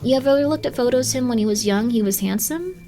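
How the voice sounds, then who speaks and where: Talking fast in a mellow voice, a young woman chats with her live stream audience and reads their comments aloud. She rambles with lots of "like" fillers, laughs a lot, and her pitch rises and falls.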